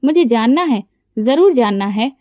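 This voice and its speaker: A woman reading the lines of a remorseful wealthy factory owner who asks questions gently, shaken and pleading. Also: on the high side, lively intonation, moderate pace, no room sound, lightly acted. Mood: troubled.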